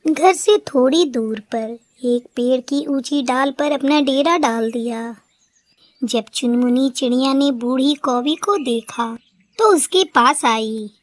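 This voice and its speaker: A woman narrating a children's cartoon story in a steady, scripted storytelling manner. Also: sits high, slow, dry recording.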